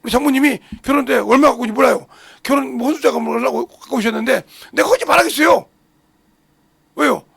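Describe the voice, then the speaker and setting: Preaching at a quick pace, a man with a gravelly, husky voice alternates between shouts and quiet mutters, hurling rhetorical questions at the congregation. There is no echo on the audio.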